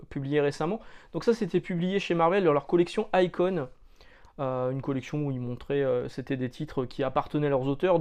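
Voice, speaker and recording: A man's voice: fairly high pitch, a little mellow. Chatty French man reviewing comics. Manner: chatty, many hesitations and fillers; jokey, loose slang.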